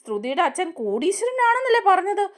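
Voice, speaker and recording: A woman's voice: extremely high pitch, sing-song, fairly quick, voice pushed up. A woman voicing a determined mother who firmly questions and insists.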